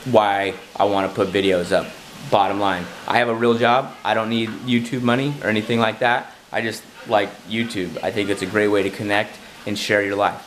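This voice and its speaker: A man with a raspy, hoarse voice from a cold, chatting casually and rambling a bit in a self-deprecating, jokey way to his vlog camera. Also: fairly low pitch, fairly even intonation, fairly quick, a little hiss or hum, rough recording. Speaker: vlogger.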